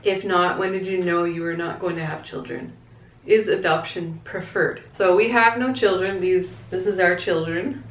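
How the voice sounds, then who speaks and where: A woman's voice: fairly low pitch, steady tone, normal speed. A woman vlogger chatting casually to camera and answering viewer questions in a candid, reflective, conversational way. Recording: echoey, roomy sound.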